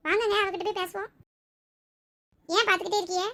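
A woman playing a sad, patient young wife, speaking softly and resignedly with a Tirunelveli Tamil accent. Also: extremely high pitch, steady tone, fast talker, pitched above the performer's own voice, exaggerated voice. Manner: soft, resigned.

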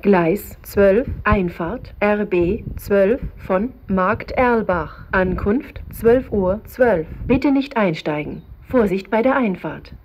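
Over a train station loudspeaker, a woman with a standard German accent reads scripted automated platform announcements, her delivery measured, segmented and neutral. Her voice is mid-range and animated. The PA sounds echoey, with station noise clearly audible behind it.

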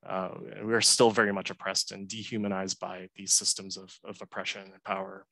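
A man in his thirties, from Hong Kong, giving a prepared conference talk over a headset on a video call, earnest and measured with many uh fillers. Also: deep voice, flat delivery, gravelly, pushed and bright, dry recording, poor audio. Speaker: conference speaker. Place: home room, indoors. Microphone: headset mic on a video call.

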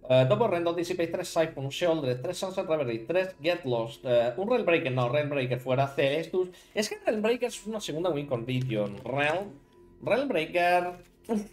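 A man's voice: a little high, animated, normal speed, darkish tone, faint music behind. A man from Spain with a Spanish accent, chatting casually on a live stream while building a card deck and talking to viewers. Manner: chatty, thinks aloud, talks to chat viewers by name.

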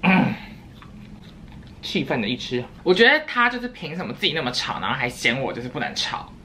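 A woman's voice: extremely low pitch, very animated, fairly quick, sharp tone, slight background noise. A young woman, chatting playfully in a casual eating vlog at home and breaking into silly sing-song voices. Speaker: vlogger.

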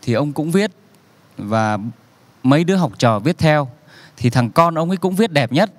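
A male comedian tells a joke in an easygoing, storytelling way, slowing down for effect. His voice sits somewhat high, and it is recorded close and dry with almost no room sound. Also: no echo. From Vietnam. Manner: relaxed storyteller, slows for effect, acts out characters' lines.

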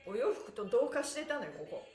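Sitting on a mat in a small, plain room, a middle-aged woman who streams live guides a stretching routine, alternating counted, rhythmic prompts with chatty asides. Her slightly high voice is brisk, cheerful, and animated, her wording very polite and honorific, and she chuckles often. Faint music and a roomy echo fill the recording.

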